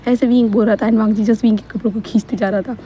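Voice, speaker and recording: A woman's voice: a little high, fairly even intonation, fast talker, warm tone, a little hiss or hum. A woman narrating a fan-fiction story in a casual, chatty way, with many fillers. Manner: chatty, fillers and mixed-in English words.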